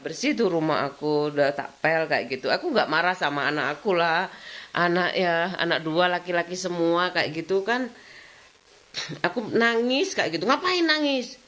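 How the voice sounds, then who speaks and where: A middle-aged woman, chatting casually at home in a rambling vlog. She laughs often and raises her pitch when she acts out what others said. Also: normal speed, fairly bright tone. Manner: acts out quoted voices at a higher pitch. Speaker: vlogger.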